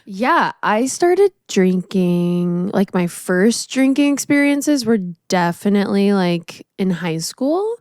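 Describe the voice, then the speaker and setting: A woman in her late twenties chats casually as a podcast co-host, reflective and relaxed, with lots of fillers. Her voice is smooth and clear. The sound is dry and close. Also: medium pitch, slow pace, hardly any pauses, no echo. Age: 20s. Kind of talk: casual chat.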